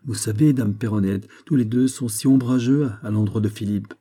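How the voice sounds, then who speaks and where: A man reading aloud, voicing an anxious old gentleman tutor in agitated, raised tones. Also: fairly low pitch, fairly quick, lightly acted. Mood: fretful.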